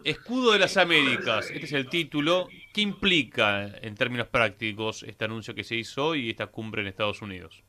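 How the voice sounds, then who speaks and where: A man hosts a news interview in a conversational, probing way. His voice is bright and forceful and sits at an ordinary pitch. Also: expressive, moderate pace, hardly any pauses. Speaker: interview host.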